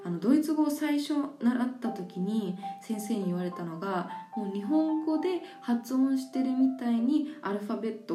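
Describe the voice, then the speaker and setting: A woman hosts a relaxed radio talk, explaining her points through example after example and laughing easily. Her voice is mellow and dark-toned. The studio sounds roomy, with a soft guitar playing faintly behind her. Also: mid-range voice. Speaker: radio host. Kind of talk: casual radio talk about languages. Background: faint guitar music.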